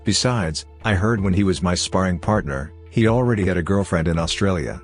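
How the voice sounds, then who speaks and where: A man's voice: low voice, brisk, soft background music, natural voice. A man reading as a guarded young woman.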